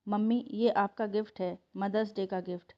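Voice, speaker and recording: A woman's voice: mid-range voice, steady tone, moderate pace, highs cut off, lightly acted. A woman voicing an affectionate, respectful young son in a storybook reading. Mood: emotional. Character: devoted young son, emotional.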